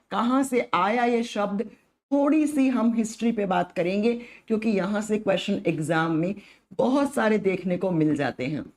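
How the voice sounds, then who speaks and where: भारी गले वाली, ऊँची आवाज़ की महिला शिक्षिका. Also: female voice, on the high side, darkish tone. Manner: repeats questions to students, pleading. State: hoarse, sore throat. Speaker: teacher. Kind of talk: live online lesson.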